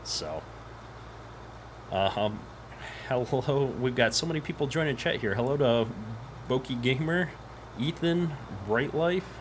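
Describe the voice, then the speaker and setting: Casting: easygoing male streamer, mid-pitched, chatty, echoey room with clear vehicle noise behind. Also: animated, measured pace, long pauses. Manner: easygoing, chatty greetings to viewers. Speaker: live stream host. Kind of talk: casual live game stream chat. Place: echoey home office.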